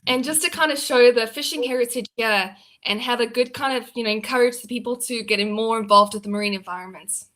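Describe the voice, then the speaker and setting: A bright-voiced woman from the UK, sitting slightly high in pitch, who speaks candidly as a podcast guest. She tells her story plainly, with easy fillers and an open, unguarded way of talking. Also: fast talker, few pauses. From United Kingdom. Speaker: interview guest, former yacht crew. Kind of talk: casual interview. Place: at home by the sea.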